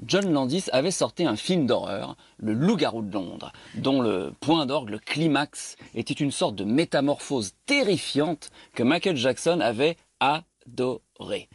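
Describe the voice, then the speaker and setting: Husky-voiced French radio columnist. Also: male voice, medium pitch, animated, measured pace, few pauses, dry recording. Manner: theatrical, storytelling, playful. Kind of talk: scripted radio chronicle.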